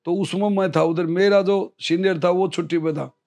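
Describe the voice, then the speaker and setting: A man in his fifties, an army veteran, telling a story in an interview in a lively way and acting out what others said. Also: high-pitched, moderate pace.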